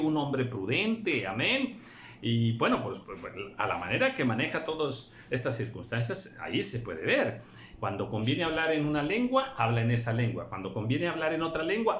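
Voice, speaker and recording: Male preacher, animated scripture reader and commentator, lively pitch, roomy echo. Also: a little hiss or hum. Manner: animated, acts out scripture, frequent rhetorical "right?". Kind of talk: Bible study sermon reading and commenting. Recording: echoey room with faint ambience.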